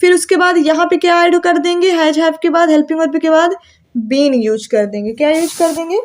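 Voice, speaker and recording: High-voiced woman teaching grammar. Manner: asks questions and answers them herself; drawls example sentences slowly. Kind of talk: classroom grammar lesson.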